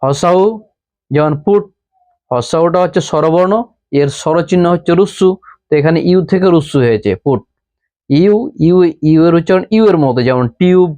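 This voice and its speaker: A man's voice: a little high, mellow. Patient man teaching English letter sounds. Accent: Bengali. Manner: slow, patient, repeats rules and examples. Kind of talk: pronunciation lesson.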